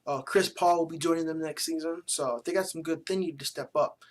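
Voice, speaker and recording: A man's voice: on the high side, brisk, slight background noise. A man casually reviewing new basketball jerseys in a vlog, with blunt opinions, plenty of swearing and loose slang. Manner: blunt, profane, joking opinions; relaxed slangy talk. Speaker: sports vlogger.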